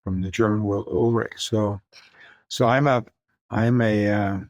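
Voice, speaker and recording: This older man from the Far East speaks Mandarin as his first language and appears as a guest author in a podcast interview. His lowish, somewhat dark voice keeps a steady tone and measured pace as he talks reflectively, searching for words and laughing lightly. The recording is dry.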